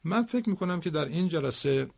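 A man teaching Quran recitation, explaining word stress with spoken examples in a slow, deliberate way. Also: a little high, expressive, gravelly, slightly rough.

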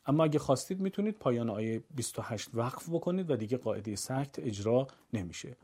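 A man teaching a Quran recitation lesson, calmly explaining the rules and then chanting the verses slowly and melodically. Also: mid-range voice, breathy edge. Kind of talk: tajweed lesson.

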